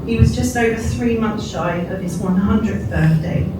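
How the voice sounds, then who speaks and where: A man's voice: sits high, normal speed. A man gives a heartfelt, sentimental wedding toast as the groom. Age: 40s. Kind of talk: wedding toast, speech of thanks. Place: indoor wedding reception room. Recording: echoey noisy room, recorded from far off.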